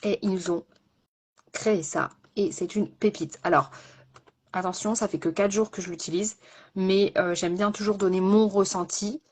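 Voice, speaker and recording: A woman's voice: mid-range voice, steady tone, moderate pace, darkish tone. A woman in a casual live-stream, a makeup artist presenting a product with many fillers and repeated words.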